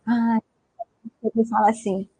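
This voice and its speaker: Slightly high, a bit slow, with little pitch movement, this mellow, slightly rough voice belongs to a Brazilian Portuguese-accented guest lecturer on mindfulness. In her online talk she chats easily, often ending sentences with "né?" and asking the audience questions.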